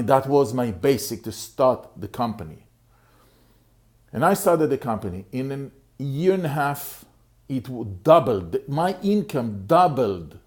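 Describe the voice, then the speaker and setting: A middle-aged man from Israel, a motivational speaker telling his personal life story to the camera in an earnest, halting way, often repeating and restarting phrases. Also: mid-range voice, darkish tone.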